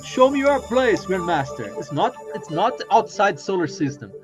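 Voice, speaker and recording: A man's voice: high-pitched, sing-song, moderate pace, music in the background. A Brazilian man speaking English with a Brazilian Portuguese accent, hosting a casual live stream. He rambles and repeats himself, with many fillers. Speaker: livestream host.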